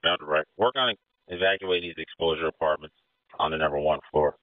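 A man acting as incident commander, giving brisk orders over a two-way radio. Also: a bass voice, clean tone, dry recording. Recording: narrow phone-like radio channel.

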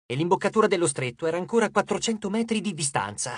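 An audiobook narrator giving a lively, dramatic scripted reading on a close studio mic. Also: mid-range voice, quick pace, dry recording.

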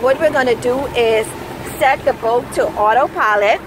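A woman's voice: fairly high pitch, normal speed. A woman chatting casually as she films a sailing vlog from the deck of a sailboat, explaining things with many fillers. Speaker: sailing vlogger. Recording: windy outdoor phone recording. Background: wind and water noise.

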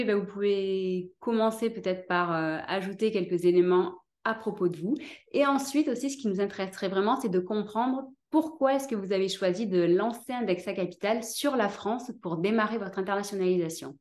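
A woman's voice: medium pitch, darkish tone, roomy sound. A woman in her thirties hosting an interview over a video call, talking in a chatty way with many fillers. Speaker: host, interviewer. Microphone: webcam on a video call.

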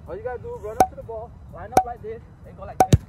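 A young man on an outdoor football pitch, joking and mocking his friends during a casual challenge. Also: very animated, very fast, gravelly. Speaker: channel host, player. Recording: outdoor audio with loud music over it.

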